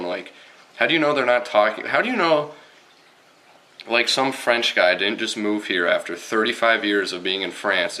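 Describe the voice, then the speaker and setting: Young man, casual vlog rant, exasperated, swearing, fairly low but bright tense voice. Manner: exasperated, heavy swearing, many fillers. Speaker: vlogger.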